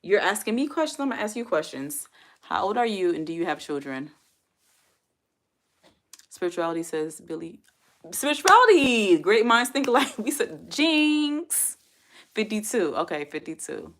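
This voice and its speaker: A woman in her forties hosts a casual livestream from home, reading viewer comments aloud and chatting straight back to them, laughing often. Her voice is medium-pitched and a bit bright, with big pitch swings at a moderate pace.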